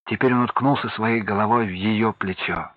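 A man narrating an audiobook in measured, scripted storytelling. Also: on the low side, fairly even intonation, dry recording. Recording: dull lo-fi audiobook recording.

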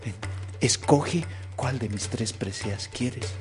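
A man voicing a dying old king who speaks slowly and commandingly. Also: medium pitch, over music, lightly acted.

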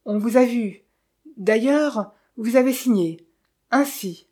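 A chatty village innkeeper who loves passing on gossip, full of sly teasing and knowing asides, as a woman reads him aloud. The voice sits mellow and a little husky. It is an audiobook character voice. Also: on the high side, slow pace, voice pushed up. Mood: confiding.

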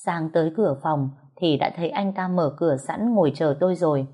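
A woman narrating a story in the first person in a calm, even reading voice. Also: deep voice, brisk, breathy edge.

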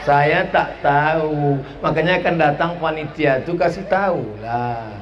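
A man's voice: fairly high pitch, unhurried, highs cut off. A man gives a humorous public sermon at a large open-air gathering, often drawing call-and-response from the audience. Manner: jokey call-and-response with the crowd. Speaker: preacher. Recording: echoey PA sound with crowd noise.

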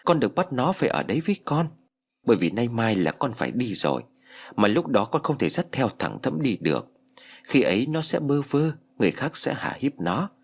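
Man voicing a grieving old village woman, tearful, pleading, lively pitch, storybook audio. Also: husky.

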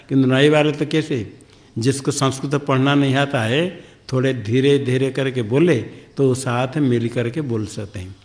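Man, swami, spiritual discourse, slow repetition of words, chanted Sanskrit verses, mid pitch. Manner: slow, repeats words to drill Sanskrit pronunciation. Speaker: swami teaching Upanishads.

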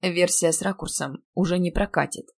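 Female narrator playing a relaxed, affectionate young man; soft, quiet delivery, lowish voice. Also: normal speed, vocal fry, slightly rough. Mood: calm. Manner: soft, calm, tender. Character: calm teasing young male PE teacher in love.

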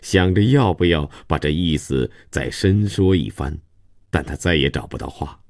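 Deep, gravelly male storyteller. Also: animated, normal speed, a little mellow, no room sound, studio quality. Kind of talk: scripted story narration.

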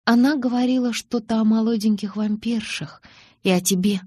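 A woman's voice: fairly high pitch, moderate pace, a little mellow, no echo, clean studio sound, voice pushed up, natural voice. A woman reading an eager teenage girl. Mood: earnest curious. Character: teenage girl, curious, earnest, anxious. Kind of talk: audiobook character reading.

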